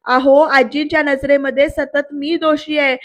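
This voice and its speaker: A woman's voice: sits high, level tone, a little slow, dry recording. Brief: defiant, wounded young wife with a reproachful edge, voiced by a woman in her own voice. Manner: sharp, reproachful.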